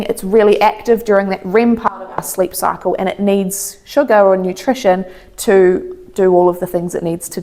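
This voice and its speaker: Woman chiropractor giving an informal health talk. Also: medium pitch. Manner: explains in simple everyday terms. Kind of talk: informal educational presentation.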